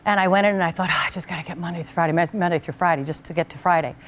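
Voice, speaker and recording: A woman talk show host telling a personal story to her guest, animated and acting out the voices of the people in it. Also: fairly low pitch, very fast, a little hiss or hum.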